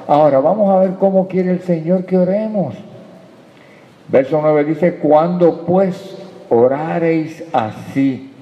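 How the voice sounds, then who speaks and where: A man preaching a sermon, calling for amens and dropping into hushed prayer. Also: a little high. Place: church hall. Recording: echoey hall, dull lo-fi sound.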